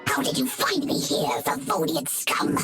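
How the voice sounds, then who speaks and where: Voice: mid-range voice, wildly swooping pitch, unhurried, creaky, far from the mic, over music, full character voice. An actor playing a cowardly, whiny male villain henchman in a video game, theatrical and melodramatic in delivery. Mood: haughty, defiant. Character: cowardly, whiny villainous male cultist minion under interrogation.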